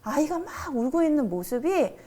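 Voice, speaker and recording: Middle-aged woman, kinda high voice, telling a family story on a church talk show, acts out all the quotes. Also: very animated, brisk, warm tone. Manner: acts out quoted dialogue in vivid retelling. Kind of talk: personal storytelling in conversation.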